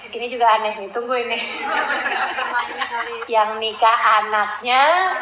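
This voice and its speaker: A high-voiced woman preacher from Indonesia answers questions in a casual, chatty sermon, teasing her listeners as she goes. Her voice echoes around a roomy space. Faint ambient noise sits behind her. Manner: chatty, teasing, laughing asides.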